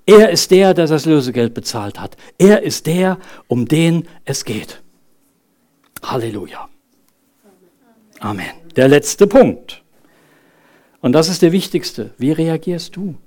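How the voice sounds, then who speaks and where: A man's voice: fairly high pitch, darkish tone. A man in his thirties preaching a sermon in an earnest, conversational way, asking the congregation questions and leading a prayer. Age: 30s. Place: church service.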